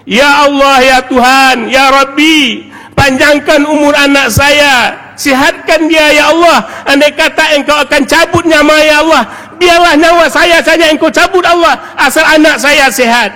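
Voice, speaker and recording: A devoted mother pours out her sacrifices to her child in a tender, pleading sermon voice, as a man preaching takes her part. The voice sits high and drops to hushed murmurs before rising to anguished cries. It rings out with the long reverb of a large mosque hall. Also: unhurried, long pauses, lightly acted. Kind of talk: Ramadan night sermon, dramatic storytelling.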